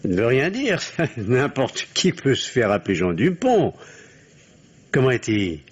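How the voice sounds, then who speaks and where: In an old-style radio drama, an actor plays an anxious, evasive middle-aged family doctor and father, sounding curious and flustered. His medium-pitched, breathy voice swings hugely in pitch at a measured pace, heavily acted, hesitant and theatrical as he reassuringly repeats phrases. The recording sounds muffled, like an old radio.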